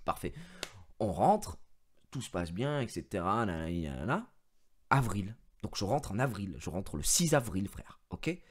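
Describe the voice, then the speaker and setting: A male streamer telling a story to his viewers in an expressive way, swinging from mumbling to shouting and swearing, on a headset mic. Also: fairly low pitch, moderate pace, husky. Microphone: gaming headset.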